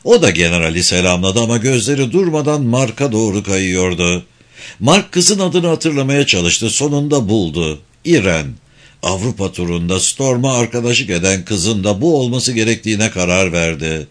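A man reading a novel aloud as narrator, steady and expressive. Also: on the low side, moderate pace. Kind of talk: audiobook narration.

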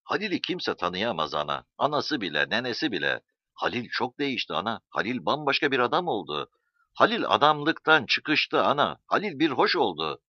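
A man's voice: mid-range voice, very animated, moderate pace, dry recording. A man reading a story, voicing a changed young man who speaks earnestly and heavily. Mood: brooding. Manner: earnest, heavy sighing. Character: young man returned home changed, brooding. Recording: dull dry recording.

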